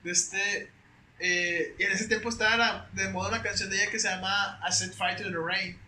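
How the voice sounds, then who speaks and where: A young man with a Mexican accent, a podcast guest telling stories in a slangy, animated, casual way. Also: high voice, moderate pace. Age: young adult. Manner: slangy, animated, peppers speech with güey. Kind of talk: casual storytelling chat. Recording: roomy echo with faint hiss.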